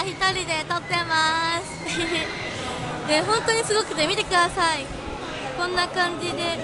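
A young woman chatting casually to camera as a vlog host, giggly, animated and exclamatory. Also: extremely high pitch. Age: young adult. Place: large indoor amusement arcade. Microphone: handheld camera at arm's length. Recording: music and crowd noise behind.

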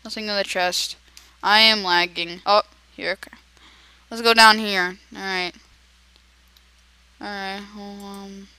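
An excitable teenage boy narrates his game aloud in a chatty, rambling way. His voice is bright and smooth, and the recording is dry and close. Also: high voice, no echo, poor audio. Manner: excitable, chatty, talks to himself while playing. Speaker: gaming video creator. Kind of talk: casual gameplay commentary.

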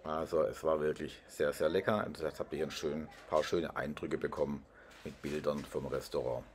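A middle-aged man with a very low voice narrates a casual food vlog, chatty and enthusiastic. He films on a phone at arm's length. Clear street noise runs behind him. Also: fairly even intonation, normal speed. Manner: chatty, enthusiastic, describes dishes. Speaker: food vlogger. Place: outdoors on a street and at a restaurant. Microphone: phone camera held at arm's length. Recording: noisy outdoor street.

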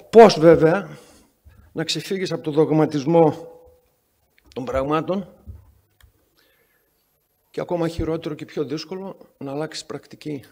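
A man's voice: on the high side, darkish tone. A man chairing a medical conference session, giving an introduction full of sarcastic, wry anecdotes. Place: conference hall.

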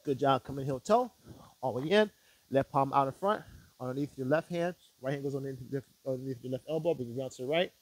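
A man working as a fitness instructor, guiding stretches with short, measured step-by-step directions and counts. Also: medium pitch, no room sound, poor audio.

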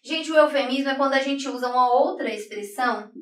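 Speaking briskly in a high voice, a woman teacher walks an online exam-prep class through figures of speech. Her explanations are peppered with "né?" (right?) as she checks in, writing on a board while a distant mic captures the room's echo.

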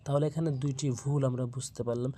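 A man teaching Quran pronunciation in a Bangladeshi Bengali accent. He drills each sound slowly and deliberately, repeating it several times. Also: mid-range voice, steady tone, dark tone, breathy edge.

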